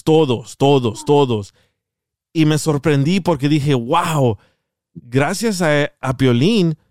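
A man hosting a podcast, telling stories in a lively way and repeating words for emphasis. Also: a little high, no room sound, clean studio sound. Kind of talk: casual storytelling chat.

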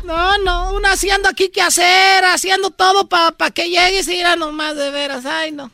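A very high, gravelly-voiced Mexican housewife, played by a woman, nags and rants at her cheating husband. Her voice is bright and pushing. Sarcastic exasperation drives every line of this radio comedy bit. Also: steady tone, normal speed, faint music behind, heavily acted. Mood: exasperated. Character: jealous scolding Mexican housewife, middle-aged. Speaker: comedy sketch performer.

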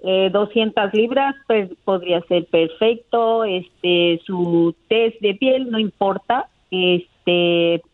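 A woman's voice: medium pitch, slow pace, hardly any pauses, dry recording. A woman in her sixties chatting casually as a radio dating-show contestant, blunt and assertive. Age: 60s. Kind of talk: casual chat. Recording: muffled, dry call audio.

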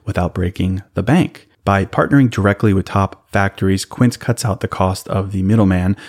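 A man with a low voice reads a sponsor spot for his podcast. His delivery is upbeat and relaxed, like a friendly sales pitch. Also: moderate pace. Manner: upbeat, casual sales patter. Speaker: podcast host reading sponsor ads. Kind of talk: host-read advertisement.

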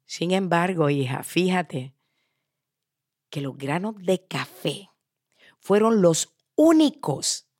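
A woman voicing a wise, patient father who is a chef, speaking calmly and instructively. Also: low-pitched, gravelly, breathy edge, dry recording, studio quality, full character voice. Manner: calm, instructive.

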